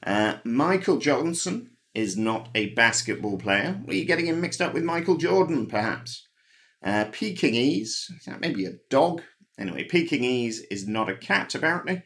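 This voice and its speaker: A man's voice: mid-range voice, big pitch swings, normal speed, fairly bright tone. A man hosting a pub quiz, reading out the answers with dry, wry asides. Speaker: quiz host. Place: home, recorded alone.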